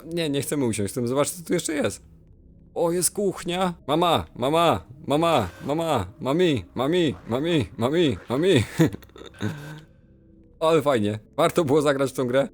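A young man giving playful, excitable commentary while playing a game. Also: fairly high pitch. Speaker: gamer. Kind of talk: Roblox let's play commentary.

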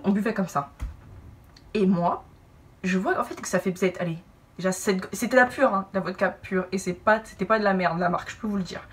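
A young woman telling a personal story to camera in a casual, animated way, acting out what others said. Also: mid-range voice, recorded from a distance. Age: young adult. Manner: animated, lively asides and acted-out quotes. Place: indoor room, brick wall behind.

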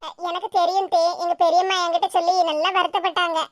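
A woman's voice: very high-pitched, little pitch movement, quick pace, no room sound. A woman voicing a polite, apologetic young woman who speaks hesitantly, with a Tirunelveli Tamil accent.

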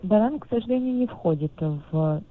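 A woman's voice: mid-range voice, animated, moderate pace. A woman taking a restaurant order over a phone line, polite and patient as she lists menu items. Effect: heard over a phone line.

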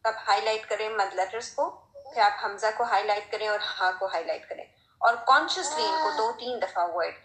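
A woman giving a recitation lesson, talking slowly and patiently and demonstrating sounds with a strong, breathy h. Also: mid-range voice, fairly bright tone, echoey room, poor audio. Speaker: Quran recitation teacher. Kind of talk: Tajweed lesson.

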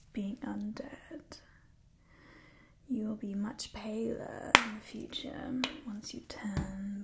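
In a whispered ASMR roleplay, a young woman plays a haughty immortal vampire who dotes on the listener, her voice soft, breathy and pitched fairly high. She speaks slowly in a refined, coaxing tone with a faint imperious edge. A hidden close mic captures her on a small indoor set with a wooden backdrop, along with noticeable hiss and soft clicks.

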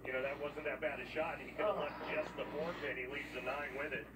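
A man giving quick, analytical sports commentary on television. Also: fairly high pitch, steady tone, recorded from a distance. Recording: TV broadcast heard across a noisy room.

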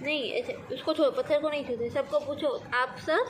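A woman's voice: sits high, fairly even intonation, moderate pace. A young woman filming a casual family vlog on a handheld phone, chatting and coaxing a small child outdoors at night and in a shop. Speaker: family vlogger. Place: outdoor parking area and supermarket at night. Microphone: handheld phone camera. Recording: noisy phone video.

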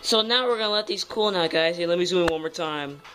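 A young boy filming himself in a home kitchen on a phone, chatty and excitable, full of fillers and calls of "guys". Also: high-pitched, fast, soft background music, poor audio. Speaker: home cooking vlogger. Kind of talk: casual cooking vlog. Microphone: phone camera held close.

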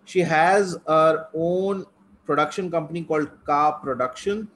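Male online tutor, North Indian accent, slightly high voice, conversational Hindi-English code-switching, noticeable background noise. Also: unhurried, a bit bright. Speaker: test-prep teacher. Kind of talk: live online lecture, conversational.

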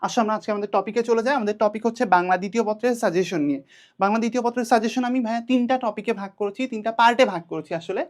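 A woman's voice: on the high side, very fast. A young woman with a Bangladeshi Bengali accent teaching an exam-prep lesson, talking to students in a direct, urgent way.

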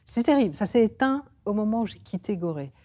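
A woman's voice: medium pitch, lively intonation, fast talker, mellow. A middle-aged woman, a singer and novelist, talking reflectively in a radio interview and hesitating often. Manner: reflective, hesitant with frequent fillers.

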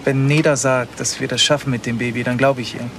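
A man's voice: medium pitch, fairly even intonation, fairly quick, a bit bright, lightly acted. An actor playing a devoted young expectant father in a TV drama, earnest and casual. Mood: earnest, proud. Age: young adult. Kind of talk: naturalistic TV hospital drama. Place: outdoor hospital garden. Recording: outdoor ambience, background noise.

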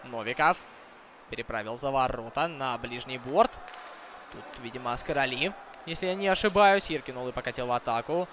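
A man's voice: mid-range voice, brisk, noisy background. A man commentating a hockey broadcast live, talking conversationally to viewers and thinking aloud.

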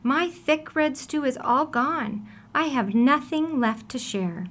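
A woman's voice: high voice, animated, slow, fairly bright tone, heavily acted. A woman voicing a kindly, generous older woman who cooks, in a children's storybook. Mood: sorrowful.

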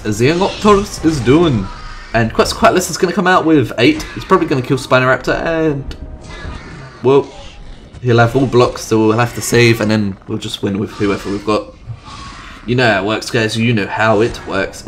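Brief: male gamer, mid-pitched voice, thinks out loud and yelps at setbacks. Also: slight background noise. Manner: chatty, excitable, thinking aloud about moves. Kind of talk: let's play commentary. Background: game music.

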